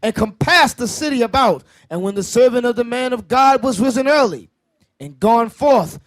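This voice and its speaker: High lively male Bible reader. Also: normal speed, no room sound. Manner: declaiming old-fashioned verse with rising emphasis. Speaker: scripture reader. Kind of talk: reading Bible verses aloud.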